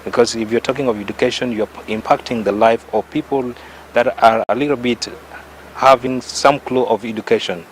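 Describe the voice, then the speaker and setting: Male radio host, mid pitch, emphatic and long-winded, faint traffic behind. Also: steady tone, fairly quick, low-quality recording. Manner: emphatic, long winding questions. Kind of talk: radio interview.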